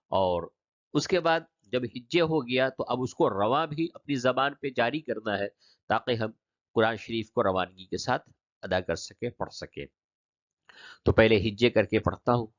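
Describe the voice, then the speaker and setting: A man teaching a Quran reading lesson, explaining quickly, then spelling out and chanting words slowly. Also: fairly low pitch, highs cut off.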